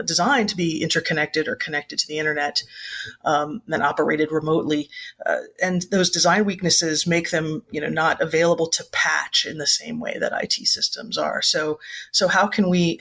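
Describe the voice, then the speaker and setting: A woman government official answering interview questions, halting with many fillers. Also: low voice, fairly bright tone. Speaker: government cyber official, guest.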